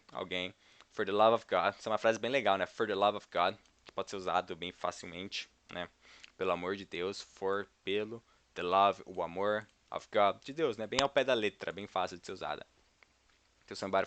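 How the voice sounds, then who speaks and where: A man's voice: low-pitched, fairly bright tone. A man with a Brazilian Portuguese accent giving an informal English lesson, explaining step by step and checking in with the viewer. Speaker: English teacher.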